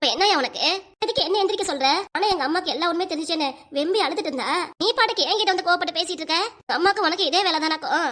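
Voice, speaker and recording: Brief: a woman doing a bright, high cartoon housewife, Kanyakumari Tamil accent, sharp and scolding. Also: lively intonation, slight background noise. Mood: bitter, complaining. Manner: sharp, scolding, rapid-fire. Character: quarrelsome grown wife and mother, woman. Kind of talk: cartoon family drama voicing.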